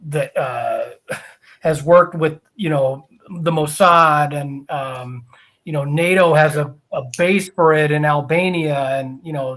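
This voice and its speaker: A man co-hosting a podcast, talking in a hesitant way with frequent pauses and restarts. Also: on the high side, fairly bright tone. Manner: hesitant, many fillers and restarts. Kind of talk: casual podcast talk.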